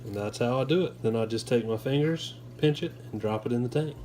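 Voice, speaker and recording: A man's voice: medium pitch, a little fast, warm tone, slight background noise. A man casually narrating a home how-to video, explaining things in an informal, easygoing, unscripted way to viewers. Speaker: home aquarium hobbyist filming a fish-care vlog. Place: at home beside a fish tank and kitchen sink.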